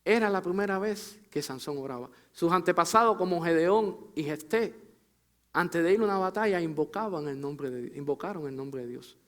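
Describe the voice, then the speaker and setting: Guy preaching a sermon, higher-pitched voice, gets loud then drops way down low at the end of lines. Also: normal speed. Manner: preaching with rising emphasis and drops to a low, soft close on phrases; addresses the congregation directly as brother and sister. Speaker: pastor.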